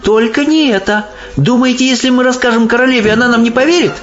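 Man doing a squeaky spirited little girl, keen and indignant, lo-fi audiobook with faint music. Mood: eager. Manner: quick to protest, eager. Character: brave, indignant young orphan girl.

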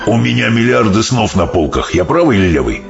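A low, gravelly voice for a big kindly giant who fumbles words into strange inventions, as a man puts him on. Dull audiobook sound with faint music behind. Storybook telling. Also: very animated, a little fast. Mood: musing. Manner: mangles words into odd coinages.

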